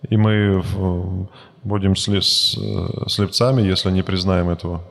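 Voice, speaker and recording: A man's voice: deep voice, fairly even intonation, measured pace, vocal fry. A man interpreting a religious lecture phrase by phrase, hesitant with fillers and restarts. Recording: long hall reverb.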